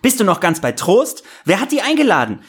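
A man voicing a bitter, scornful older wife in a dramatized story reading, ranting and sharp-tongued. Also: sits high, huge pitch swings, brisk, husky, full character voice. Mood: indignant. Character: bitter grumbling older wife, retired official's spouse.

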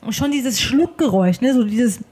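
Woman, fairly high voice, home podcast chat, animated, exclaiming. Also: moderate pace, husky. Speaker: podcast co-host. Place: at home in her apartment.

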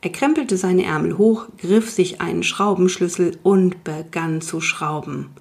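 A woman narrating a children's story in the first person, calm and even. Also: fairly low pitch, a little slow, gravelly. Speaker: audiobook reader.

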